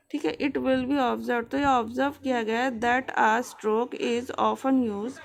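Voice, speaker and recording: Woman shorthand tutor, very slow delivery, heavy vocal fry, reads textbook lines word by word then explains. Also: a little high. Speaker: shorthand teacher.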